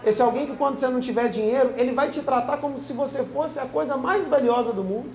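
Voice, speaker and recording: A man's voice: extremely high pitch, quick pace, darkish tone. A man preaching as a pastor in a church hall, with an impassioned, repetitive cadence. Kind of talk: sermon. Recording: roomy hall with faint noise.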